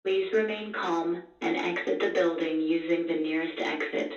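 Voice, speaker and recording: A woman's recorded emergency announcement playing over a building intercom, delivered in a calm, even, repetitive manner. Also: lowish voice, moderate pace. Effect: automated alarm announcement over a building intercom. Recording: distant, muffled, echoey loudspeaker.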